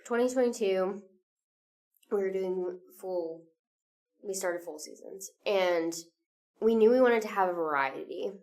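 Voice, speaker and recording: A woman's voice: mid-range voice, a little slow, pauses often, a little mellow. A woman co-hosting a casual podcast chat, tired and yawning, chatty with frequent laughs and fillers. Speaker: podcast co-host, theater director.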